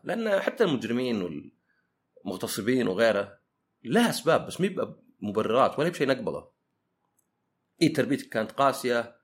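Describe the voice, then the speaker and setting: A man, hosting a casual solo talk that gives life advice and acts out short everyday exchanges. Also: fairly low pitch. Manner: chatty, conversational, acts out everyday dialogues. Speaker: podcast host.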